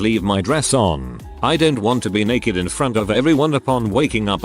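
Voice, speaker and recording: A man reading out humorous short anecdotes as scripted narration. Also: lowish voice.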